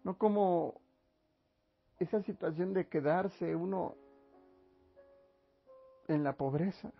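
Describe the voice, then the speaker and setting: Man, pastor, sermon, slightly high gravelly voice, dull lo-fi church recording, faint instrument behind. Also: faint music behind. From Mexico. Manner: slow emphatic preaching, often addresses listeners as brothers.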